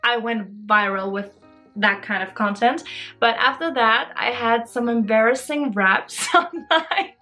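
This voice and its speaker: A young woman in her twenties, chatty and giggly, runs through fan questions in a relaxed vlog. Her voice sits a little high and sounds bright and forward. Soft music plays faintly behind her. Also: a little slow. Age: 20s. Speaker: social media creator. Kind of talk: casual Q&A vlog chat.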